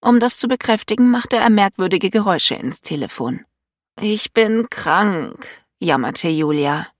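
A woman reading a novel aloud as narrator, in calm, even storytelling. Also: lowish voice, normal speed, no room sound, clean studio sound. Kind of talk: scripted audiobook narration.

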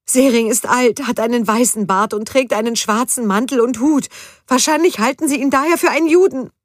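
A woman reading an audiobook, voicing a frantic, pleading woman in distress who shouts in a shrill voice. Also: a little fast, no echo, studio quality, lightly acted.

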